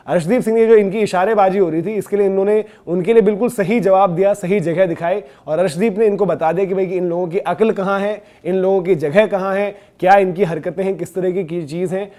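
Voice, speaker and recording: Scornful high-voiced man ranting. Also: dark tone. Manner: scornful, indignant, repetitive emphasis. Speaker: cricket commentator. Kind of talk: opinionated cricket commentary.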